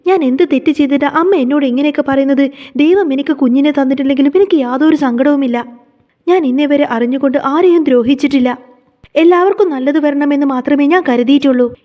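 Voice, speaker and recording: A gentle, hurt young wife, voiced by a woman retelling a serial scene. Her lines come out pleading and quick. The voice is high and mellow. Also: natural voice. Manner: pleading, tearful.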